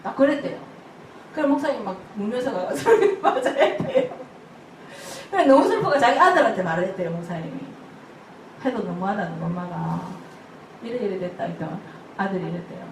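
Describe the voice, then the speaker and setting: An older woman pastor, preaching an animated sermon full of stories, acting out church members' voices and laughing often. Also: mid-range voice, fairly quick. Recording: echoey hall from far off, noisy ambience.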